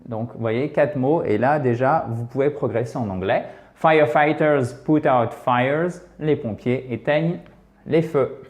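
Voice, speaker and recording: A man at middle pitch gives a lesson on English phrasal verbs, explaining in French. He talks patiently and keeps checking in with his students. Now and then he turns away to write, and his voice drifts off the mic. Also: moderate pace, warm tone. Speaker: English teacher.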